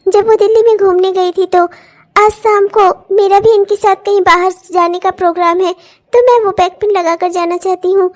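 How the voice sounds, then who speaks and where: A woman's voice: very high-pitched, level tone, normal speed. Woman voicing a meek young bride, pleading. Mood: hesitant. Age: young adult. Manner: soft, pleading and put-upon. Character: meek, newly married young wife. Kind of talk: cartoon voice acting.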